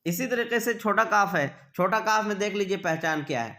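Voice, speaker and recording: Man, high-pitched voice, patient teacher, repetitive question-and-answer style. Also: sharp tone. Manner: repetitive, asks questions then answers them. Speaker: Quran reading teacher. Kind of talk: patient spoken lesson.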